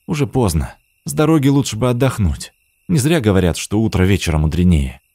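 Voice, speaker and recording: A man reading an audiobook, voicing a sad young woman in a softly raised voice. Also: lowish voice, big pitch swings, brisk, no echo, clean studio sound. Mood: calm. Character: sad young woman visiting her late grandmother's house.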